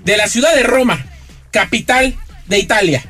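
A man's voice: high-pitched, lively intonation, normal speed, pushed and bright, faint music behind. A man co-hosting a comedy radio show, explaining stories with sing-song emphasis.

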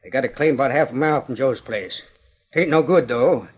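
Old-time radio western: folksy, excitable old prospector male actor, rustic delivery, husky, muffled vintage sound. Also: medium pitch, fairly quick, close to an everyday voice. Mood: folksy, earnest. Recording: dull old radio recording.

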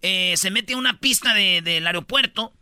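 A man's voice: high voice, moderate pace, sharp tone, clear, resonant tone, no echo, clean studio sound. A man with a Mexican accent hosting a comedy radio show. He tells the news stories as rambling jokes, stumbling and repeating words as he goes. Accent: Mexican Spanish. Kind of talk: joking radio banter.

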